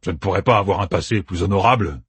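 A man's voice: low-pitched, fast talker, fairly bright tone, husky, no room sound, exaggerated voice. A man voicing a grizzled one-eyed older soldier who grumbles and objects in a plain storytelling voice. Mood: grumbling.

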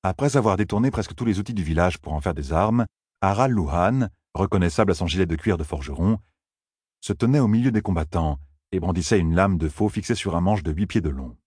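Low, husky male audiobook narrator, expressive, dry close mic. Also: brisk, dry recording. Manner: dramatic, expressive reading. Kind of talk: scripted fantasy narration.

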